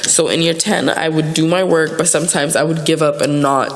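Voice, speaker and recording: Soft-spoken young woman. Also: low-pitched, steady tone, fairly quick, big-room sound. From Nigeria. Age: young adult. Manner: soft-spoken, reserved, lots of "like" fillers. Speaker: guest, university student. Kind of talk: casual podcast interview.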